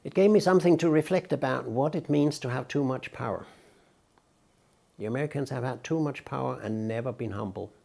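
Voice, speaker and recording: Gravelly older man. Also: medium pitch, dark tone. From Denmark. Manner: outspoken, emphatic, measured. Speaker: interview guest, peace researcher. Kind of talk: conversational interview answers.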